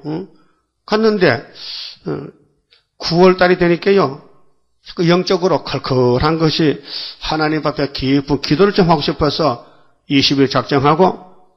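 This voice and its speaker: Older man, pastor preaching, folksy, keeps asking the congregation questions, slightly high voice, muffled lo-fi church recording. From South Korea. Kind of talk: dawn worship sermon.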